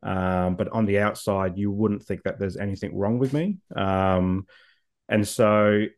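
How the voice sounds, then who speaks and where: An Australian man in his forties, a guest in an interview, shares a personal story in a reflective way, often saying um and repeating words. His voice is on the low side, with a steady tone and an unhurried delivery.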